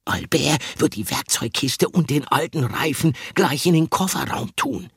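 A husky-voiced man voicing an eager, clever male mouse in an audiobook reading. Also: no room sound, studio quality, full character voice. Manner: excited, quick, high-pitched exclamations.

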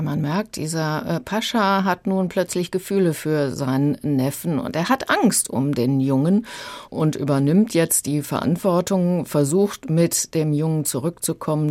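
A woman reviewing an audiobook on the radio in a measured, appreciative way. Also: deep voice, darkish tone, dry recording. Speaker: radio book critic. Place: radio studio.

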